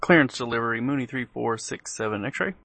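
A man speaking as a pilot on aviation radio, reading back clearances. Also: medium pitch, a little fast, fairly bright tone, a little hiss or hum. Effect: aviation radio transmission.

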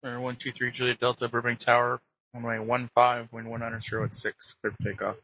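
A man working as an air traffic controller, giving brisk, procedural instructions over the radio. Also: medium pitch, completely flat delivery, bright, forceful tone. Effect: radio transmission. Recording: muffled lo-fi radio audio.

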